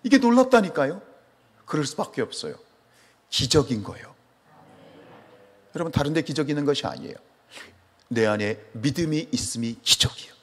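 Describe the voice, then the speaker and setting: A man's voice: medium pitch, fairly quick, pauses often, breathy edge, big-room sound. A man from Chungcheong preaching a sermon as pastor, asking the congregation questions and answering them himself. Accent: Chungcheong Korean. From Chungcheong, South Korea. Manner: animated, asks the congregation questions. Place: church sanctuary.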